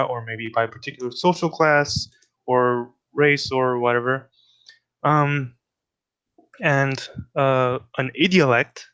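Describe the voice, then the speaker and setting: A man's voice: mid-range voice, a bit bright. A man giving a casual explanatory talk on linguistics, thinking aloud and correcting himself as he goes. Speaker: linguistics presenter.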